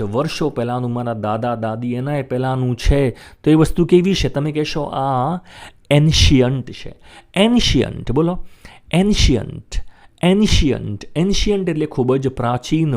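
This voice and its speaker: A man teaching English vocabulary in his native Gujarati, saying each word slowly several times and asking listeners to repeat after him. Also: mid-range voice, a little mellow.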